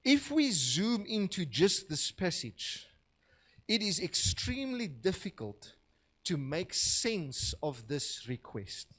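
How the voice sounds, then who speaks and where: A man's voice: sits high, sing-song, takes it slowly, fairly bright tone. A man, a pastor giving a sermon in a conversational, storytelling way and asking for the next slide. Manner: conversational storytelling, laughing at his own anecdotes; asks the slide operator for the next verse.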